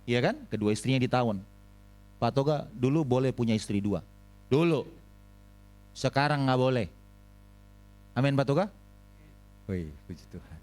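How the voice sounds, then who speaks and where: A man preaching a sermon as pastor, animated, swinging between high exclamations and low asides and calling on the congregation for amens. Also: normal speed, pauses often, faint music behind. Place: church.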